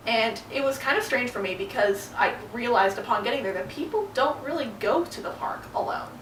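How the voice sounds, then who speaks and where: A woman's voice: medium pitch, fairly bright tone, roomy sound, distant mic, slight background noise, low-quality recording. Young woman telling a personal story. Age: young adult. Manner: earnest, halting, with fillers. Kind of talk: personal monologue.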